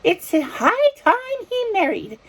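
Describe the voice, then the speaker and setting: Woman playing an impatient, blustering storybook king, raised pitch. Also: very animated, takes it slowly, full character voice. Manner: emphatic, shouting. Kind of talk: children's fairy tale read-aloud.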